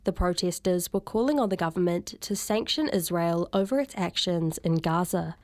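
A woman, a reporter reading a scripted news piece clearly and evenly. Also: lowish voice, normal speed, darkish tone, no echo. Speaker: radio reporter.

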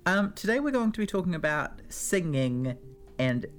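A woman's voice: lowish voice, very animated, normal speed. Radio guest: New Zealand woman, easygoing talk, laughs a lot, stumbles and restarts. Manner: chatty, laughs often, many fillers and restarts. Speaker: radio segment guest on words. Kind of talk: casual radio chat.

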